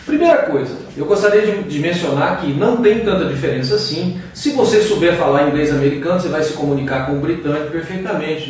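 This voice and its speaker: High-voiced teacher in an echoey room. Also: male voice, darkish tone. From Brazil. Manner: explains slowly, demonstrating English sounds with pauses. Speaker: English teacher. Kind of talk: casual video lesson. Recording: very echoey room, far from the mic.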